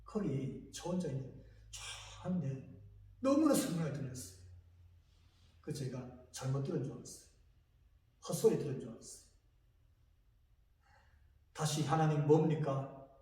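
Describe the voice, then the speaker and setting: A man's voice: mid-range voice, lively intonation, normal speed, long pauses, warm tone. A middle-aged male pastor giving an emotional testimony in a sermon, telling his story with shifting intensity. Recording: echoey church hall picked up from a distance.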